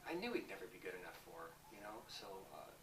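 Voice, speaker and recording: A man playing an easygoing zombie husband in a mockumentary interview, halting and rambling with lots of fillers. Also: low-pitched, big pitch swings. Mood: chatty. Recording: echoey room, mic from a distance, faint noise.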